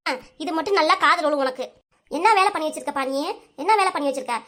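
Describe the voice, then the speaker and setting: A woman voicing a middle-aged aunt and mother in a cartoon, speaking with a Tirunelveli Tamil accent and nagging quickly. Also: high voice, fairly bright tone. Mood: scolding. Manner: pleading then scolding, rapid.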